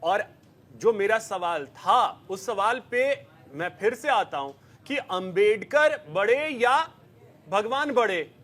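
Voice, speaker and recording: A man's voice: sits high, lively intonation, slow pace, a bit bright. A man anchoring a televised panel debate, steering speakers and pressing his own question.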